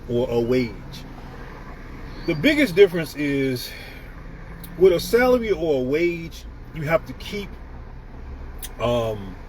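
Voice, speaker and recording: A man's voice: mid-range voice, a little mellow, a little hiss or hum. A man in his fifties from the United States, hosting a live stream and giving a preachy motivational talk while greeting viewers by name. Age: 50s.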